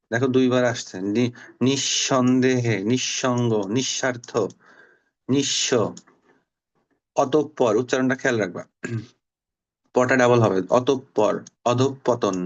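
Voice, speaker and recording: A male language teacher in an online class, with a mid-pitched voice. He speaks patiently and says words slowly and more than once so the students can follow. The audio is slightly dull and lo-fi. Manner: patient, repeats words slowly to drill pronunciation. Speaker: Bangla teacher.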